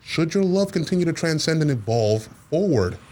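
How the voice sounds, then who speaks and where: A man's voice: fairly high pitch, big pitch swings, normal speed, a little mellow. A man co-hosting a casual podcast chat, joking and laughing often as he poses a question to his friends. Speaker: podcast co-host.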